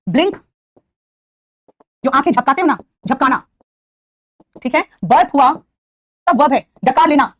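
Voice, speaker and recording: Mixing Hindi with English, a woman with an Indian English accent teaches vocabulary in a live online class, quizzing her students and naming them as she praises them. She speaks in a high pitch, and the recording has no echo.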